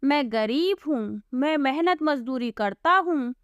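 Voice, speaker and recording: A woman's voice: high voice, animated, slow, dry recording, dull audio. A woman doing an honest bewildered poor laborer. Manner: bewildered, protesting innocence.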